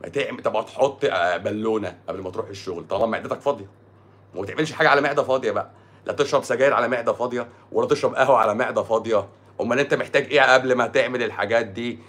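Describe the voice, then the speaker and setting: Man, Egyptian accent, rapid delivery, sarcastic, mocking, repeats himself, live-stream host. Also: mid-range voice, fairly bright tone. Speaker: doctor hosting a live stream, answering comments. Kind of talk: casual live-stream talk.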